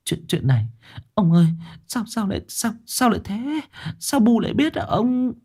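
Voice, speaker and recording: A man's voice: high-pitched, very animated, moderate pace, darkish tone, husky, pitched above the performer's own voice, exaggerated voice. A man doing a panicky village wife. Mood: panicked. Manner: stammering, panicky. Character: frightened middle-aged village wife.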